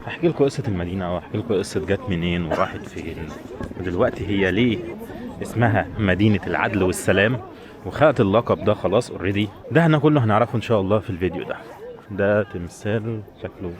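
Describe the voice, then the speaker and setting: Egyptian travel vlogger, male, rapid-fire chatty delivery, mid-range voice, city crowd behind, handheld camera mic outdoors. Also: on the low side. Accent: Egyptian Arabic. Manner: chatty, addresses viewers directly, teasing questions. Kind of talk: walking travel vlog.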